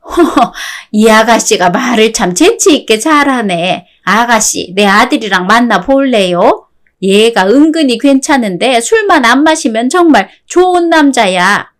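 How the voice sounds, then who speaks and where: A woman's voice: a little high, lively intonation, a little slow. A woman voicing a pushy older mother-in-law in a radio drama, chuckling and coaxing as she fawns over her son. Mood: doting.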